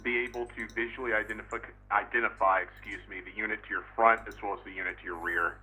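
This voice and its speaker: A man's voice: lowish voice, steady tone, fast talker, bright, forceful tone, slightly rough, rough recording. A man acting as company commander in a tank simulation, heard over in-game radio with clipped, terse acknowledgements.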